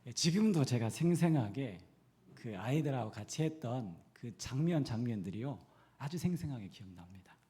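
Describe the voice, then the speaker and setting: A male pastor from the Gyeongsang region preaches a sermon in church and keeps asking the congregation questions. His delivery is animated, with wide swings in pitch. His voice is dark and mellow. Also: moderate pace. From Gyeongsang region, Korea.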